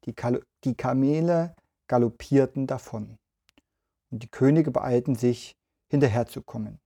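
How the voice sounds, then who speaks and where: Guy reading a bedtime-style story for kids, slow and mellow, gentle. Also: mid-range voice, gravelly. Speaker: children's podcast host and storyteller. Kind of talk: storybook read-aloud.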